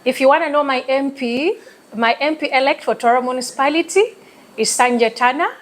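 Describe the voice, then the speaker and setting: A woman's voice: sits high, fairly quick, low-quality recording. Earnest Ugandan woman speaking as a guest. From eastern Uganda. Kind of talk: studio talk show guest.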